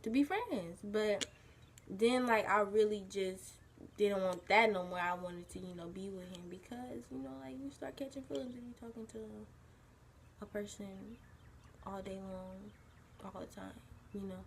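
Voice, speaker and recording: Teen girl vlogging, husky just-woke-up voice, rambles a lot with like and you know. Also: mid-range voice, normal speed, a little hiss or hum. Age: teens. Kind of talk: casual storytime chat.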